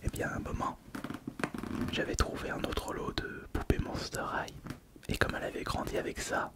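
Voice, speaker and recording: A man whispering an intimate ASMR monologue, very close, as if right in the listener's ear. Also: moderate pace. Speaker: ASMR video host.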